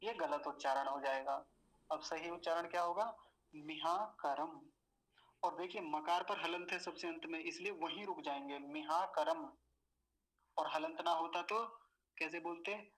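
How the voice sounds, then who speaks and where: A patient man teaching pronunciation, repeating each word slowly syllable by syllable. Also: fairly high pitch, fairly bright tone, low-quality recording. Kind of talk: slow pronunciation lesson.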